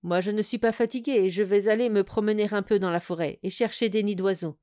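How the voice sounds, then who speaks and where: A woman voicing a cheerful, clever young male student in an audio fairy tale, eager and quick-witted. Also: medium pitch, fairly even intonation, mellow, natural voice.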